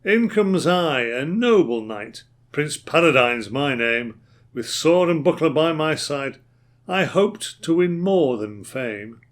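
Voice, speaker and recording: A man's voice: fairly high pitch, animated, takes it slowly. A man voicing a boastful male knight prince, declaiming rhymed verse about his defeat.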